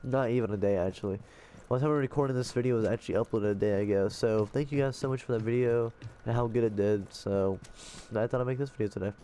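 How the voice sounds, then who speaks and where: A man's voice: medium pitch, quick pace, warm tone. A man with a blocked, congested nose, breathing through his mouth, gives casual, rambling gameplay tips as a voice-over. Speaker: gaming video host. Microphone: voice-over dubbed onto game footage.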